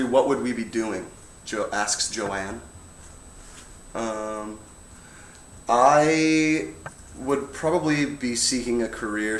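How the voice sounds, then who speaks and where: A young man chatting casually on a livestream, answering fan questions with a relaxed manner, often laughing and letting his sentences trail off softly. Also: mid-range voice, distant mic. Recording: roomy, off-mic with faint hum.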